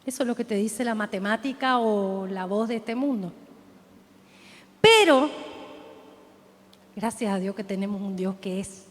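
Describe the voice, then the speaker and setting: A woman's voice: medium pitch, a little slow, long pauses, in a large hall. A woman pastor with a Rioplatense Spanish accent, preaching in an impassioned, dramatic manner and speaking directly to her listeners. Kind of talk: sermon.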